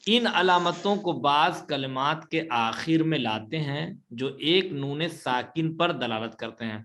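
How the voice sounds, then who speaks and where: A man's voice: fairly high pitch, lively intonation, a bit bright. Patient male Quran reading teacher. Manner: patient, repeats each rule and checks understanding; recites Arabic examples slowly and drawn out. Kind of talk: online Quran reading lesson.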